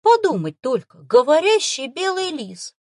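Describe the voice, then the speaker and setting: An eager, loyal young boy gushes in breathless squeals, as a woman narrator acts him out. The voice rides high with wildly lively pitch. The recording is close and dry. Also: unhurried, no room sound, full character voice. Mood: excited.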